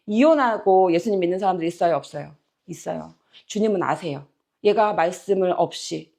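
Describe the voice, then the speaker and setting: Animated woman pastor preaching. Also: mid-range voice. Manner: animated, acts out quoted voices and laughs often. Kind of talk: lively Korean sermon. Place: church.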